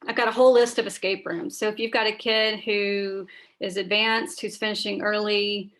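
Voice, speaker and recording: Here a woman's medium-pitched, slightly bright voice stays fairly flat in pitch and moves at a moderate pace. She's a school librarian chatting through a screen-share teacher training on a video call, sounding tired and scratchy, with frequent fillers and restarts.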